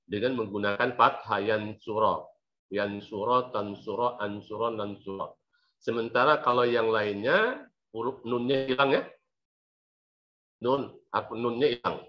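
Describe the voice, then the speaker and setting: A man teaching Arabic grammar, who recites verb forms patiently and keeps checking with "ya". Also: fairly low pitch. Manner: patient, repeats verb forms slowly with frequent "ya". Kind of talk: classroom lecture with recitation drills. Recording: dull lo-fi recording.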